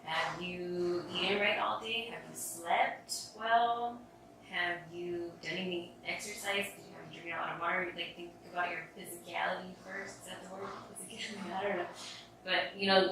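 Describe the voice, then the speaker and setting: A woman guest on a casual podcast, talking in a soft, hedging way. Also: lowish voice, fairly even intonation, moderate pace. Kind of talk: casual chat. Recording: echoey room, far from the mic, noise.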